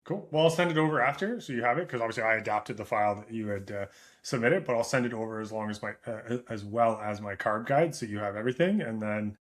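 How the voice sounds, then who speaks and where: On a relaxed coaching call, a middle-aged Canadian man with a Canadian accent and a fairly low voice talks fast to an athlete he coaches in running. Animated, he keeps tacking "right?" onto his points and voices runners' thoughts as quoted asides.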